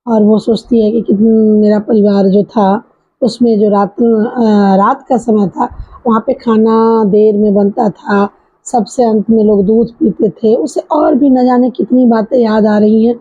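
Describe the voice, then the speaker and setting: Husky, mellow woman retelling a story. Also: a little high, fairly even intonation, measured pace. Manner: conversational, with frequent fillers and restarts. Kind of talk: casual spoken retelling of a story. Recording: dull lo-fi recording.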